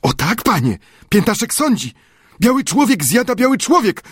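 A man voicing an eager, excitable young male islander servant who exclaims in broken, simple speech. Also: sits high, normal speed, slightly rough, no echo, clean studio sound, pitched above the performer's own voice, exaggerated voice. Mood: excited.

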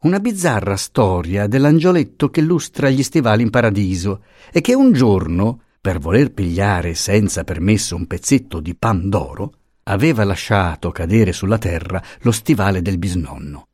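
A man giving an expressive, dramatic reading of a novel as an audiobook narrator. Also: lowish voice, moderate pace, no room sound, clean studio sound. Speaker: audiobook reader.

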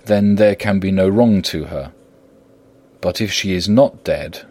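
A man reading an audiobook voicing an old, grave and compassionate professor, solemn and measured. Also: deep voice, a little mellow, no echo.

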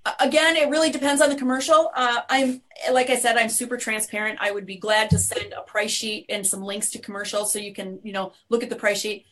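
A woman from the American Midwest, who owns a media company, joins a webinar conversation as a guest. Her voice sits a little high and sounds slightly bright, and she comes across as chatty and upbeat while often restarting her sentences.

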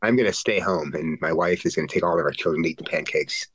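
A man who is a podcast co-host and pastor, sick, talking through theology in an explanatory, halting, conversational way. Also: sits low, slightly rough.

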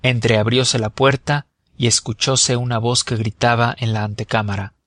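A man reading a novel aloud as an audiobook narrator, measured and expressive. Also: mid-range voice, no room sound, clean studio sound. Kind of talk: scripted narration.

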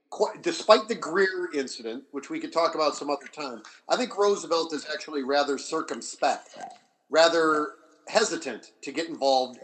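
On a panel discussion, a history scholar speaks unscripted in a fairly high, slightly bright voice, captured in a low-quality recording. He's deliberate in explaining, but halting, with restarts and repeated phrases.

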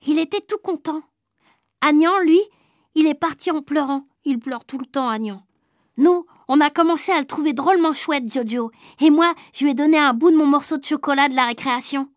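A woman reading a children's story aloud in a lively, childlike first-person telling. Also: high voice, fairly quick, no echo, studio quality. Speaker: audiobook reader. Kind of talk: storybook narration.

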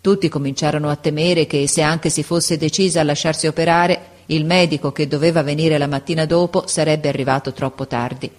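Brief: woman narrator, lower voice, expressive measured storybook reading.

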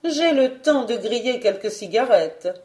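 A woman's voice: on the high side, animated, measured pace, a little mellow, reverberant. A woman voicing an elegant, scheming female villain in a storybook reading, speaking in a dry, implacable, ironic way. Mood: icy.

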